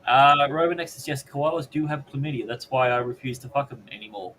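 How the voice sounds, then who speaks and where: A man's voice: mid-range voice, fairly quick, a little hiss or hum. Crude, joking Australian man hosting. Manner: crude joking, deadpan asides. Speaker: podcast host. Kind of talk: casual live-stream chat, reading chat messages.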